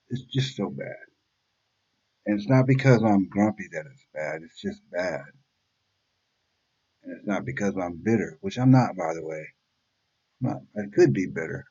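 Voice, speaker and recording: A man's voice: lowish voice, warm tone, dull audio. A man in his fifties hosting a reaction channel, talking bluntly and rambling in a casual monologue, swearing freely. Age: 50s. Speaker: YouTube reaction channel host.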